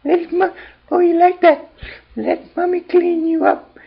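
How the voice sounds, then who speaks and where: A woman's voice: very high voice, fairly even intonation, a little slow, gravelly, exaggerated voice. A woman voicing an emotional, cat-obsessed woman in a cartoon parody, stammering and gushing, with baby talk for her cat. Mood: doting baby talk. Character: lonely, tearful, cat-obsessed woman on a dating video. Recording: slightly muffled lo-fi audio.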